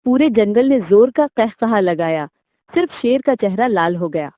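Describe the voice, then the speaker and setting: A woman's voice: mid-range voice, lively intonation, moderate pace, mellow, no room sound. Woman narrating a funny children's story.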